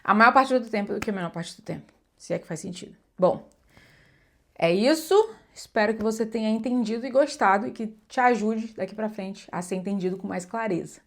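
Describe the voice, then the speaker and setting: A woman's voice: medium pitch, a little fast. A young woman from Brazil gives a casual lesson on English pronunciation, chatting in a loose way, correcting herself mid-sentence and modeling English words.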